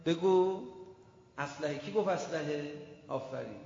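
A man gives an emphatic sermon, firing questions at his listeners and slipping into the voices of the figures he quotes. His voice is gravelly and sits a little high. It comes through a long, echoing hall reverb on a dull, lo-fi recording. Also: dark tone. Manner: emphatic, quizzes the audience and acts out quoted voices. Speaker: preacher. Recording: echoey hall with dull lo-fi sound.

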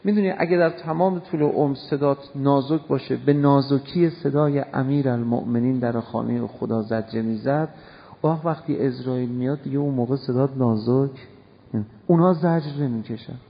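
Man, preacher, impassioned sermon, gravelly voice, reverberant hall. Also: medium pitch. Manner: impassioned, swings from soft to loud emphatic passages. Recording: long hall reverb, dull lo-fi sound.

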